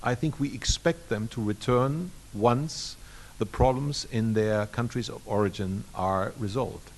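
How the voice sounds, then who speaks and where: A man on a panel, an ambassador, answering in a measured, formal manner. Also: mid-range voice, slight background noise.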